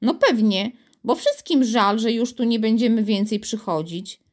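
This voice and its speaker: A sulky, aggrieved little boy from a storybook, as a woman puts him on. His voice is pitched high and sways widely. Sometimes it sounds wry and teasing. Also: lively intonation, a little slow. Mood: sad. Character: glum, embittered young boy.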